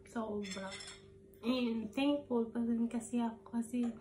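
A Filipino woman vlogger telling a personal story while crying, halting and choked up, with many fillers and English mixed in. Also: fairly high pitch, steady tone, echoey room, noisy background. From Philippines. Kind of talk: tearful personal storytelling vlog. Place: room abroad.

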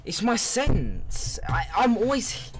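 A young man complaining and shouting in frustration while gaming. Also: extremely high pitch, huge pitch swings, slow pace, over loud music. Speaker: gamer. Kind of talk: raging game commentary. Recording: loud background noise and clicks.

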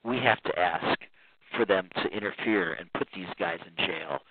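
A man's voice: sits low, moderate pace, noisy background. A man guest talking in a rambling way with many restarts and frequent laughs. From Iran. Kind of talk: casual interview talk. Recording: tinny phone line.

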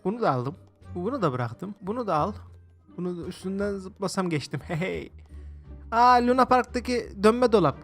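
A man with a high voice gives running commentary on a video game he is playing. He talks to his viewers, exclaims often and reacts loudly to everything on screen. Faint game music plays under his voice. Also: expressive, moderate pace. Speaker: gaming video host. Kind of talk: let's-play game commentary.

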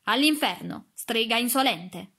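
A woman reading an audiobook, voicing a surly, rough young country lad who speaks gruff and curt. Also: a little high, animated, unhurried, sharp tone, exaggerated voice.

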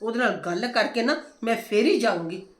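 A woman acting as a forceful older sister-in-law in a family drama, firmly reassuring a worried relative. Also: on the high side, expressive, brisk, roomy sound, close to an everyday voice. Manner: forceful and reassuring, talks down fears.

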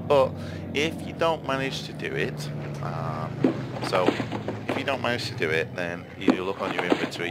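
A very deep-voiced man talks through a game step by step, chatty and explanatory. His voice sits low, and a loud hiss runs under the whole recording. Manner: chatty, explains step by step with frequent "yeah?" asides. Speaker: game reviewer. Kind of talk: gameplay commentary.

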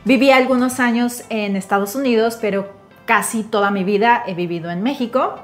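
A woman's voice: on the high side, moderate pace. Woman, 30s, Mexico City accent, upbeat co-host, lapel mic, light music under. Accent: Mexican Spanish. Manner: cheerful, laughs often. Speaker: co-host, Spanish teacher. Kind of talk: casual bilingual chat. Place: home kitchen.

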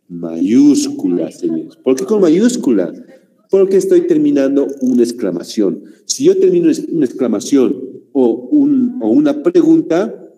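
A man's voice: medium pitch, mellow, big-room sound, rough recording. A man with a Bolivian Spanish accent teaching an online grammar lesson, explaining step by step and checking in with his students after every point. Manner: slow explaining teacher, asks rhetorical questions ending in ¿no?.

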